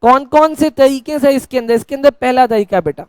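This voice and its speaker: A male teacher giving a lecture in a playful way, dictating notes slowly word by word and answering his own questions in a mock student voice. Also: very high-pitched, a little hiss or hum. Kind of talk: classroom lecture.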